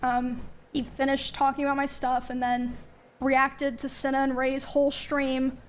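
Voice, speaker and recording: A woman's voice: sits high, completely flat delivery, unhurried, a little hiss or hum. A young woman, a streamer, giving a candid spoken account of her own experiences, hesitant and full of ums and likes. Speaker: streamer recounting personal events.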